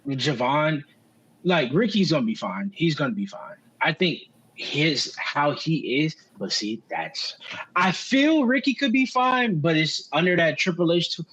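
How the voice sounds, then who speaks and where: A man's voice: on the high side, big pitch swings, a little slow, a bit bright, breathy edge, lo-fi sound. A man co-hosting a podcast, talking wrestling in a casual, slangy way and swearing freely. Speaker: podcast co-host.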